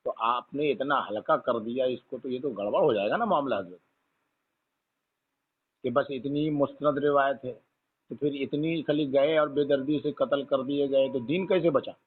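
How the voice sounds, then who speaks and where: A man on a narrow, tinny telephone call questions and presses the other person, insistent and argumentative but still respectful. He has a mid-range voice at a moderate pace, slightly rough in texture.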